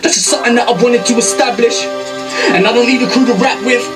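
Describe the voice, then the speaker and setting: A man's voice: very high-pitched, steady tone, fast talker. A man with a British accent rapping an intense verse full of wordplay. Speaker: rapper. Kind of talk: rap verse over a beat. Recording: loud beat under the vocal. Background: loud backing music.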